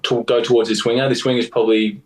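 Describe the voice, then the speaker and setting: A man's voice: mid-range voice, little pitch movement, fast, low-quality recording. A young Australian man, a rugby player guest, telling long stories in a loose, rambling way with plenty of fillers. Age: young adult. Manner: rambling, lots of fillers and laughs. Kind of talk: casual storytelling.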